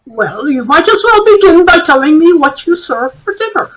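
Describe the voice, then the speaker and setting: A woman playing a shrewd homicide sergeant in a radio mystery, with a musing, drawn-out, theatrical delivery. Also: high voice, very animated, rough recording. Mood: businesslike, probing.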